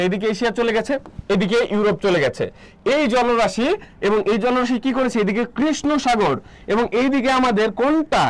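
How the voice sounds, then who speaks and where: A man's voice: extremely high pitch, poor audio. A man teaching a live online geography class for admission exams. He asks questions and answers them himself, repeats key terms, and reads out viewer comments.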